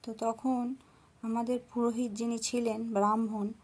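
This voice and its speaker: A middle-aged woman narrating her cooking and home worship step by step in a soft, homely way. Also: a little high, flat delivery, normal speed, slightly rough. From rural Bengal. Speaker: cooking and devotional vlogger.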